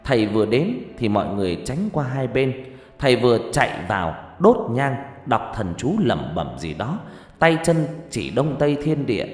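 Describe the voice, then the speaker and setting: A man's voice: mid-range voice, moderate pace. Man, ghost story narration, reverb-heavy, faint music behind. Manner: lively, dramatic storytelling. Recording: echoey reverb with background music.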